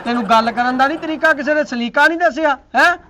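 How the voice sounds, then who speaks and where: A brash, insulting brother, played by a man in a comedy sketch. His voice is very high. He hurls insults to defend his brother. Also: fast talker, bright, forceful tone, slight background noise.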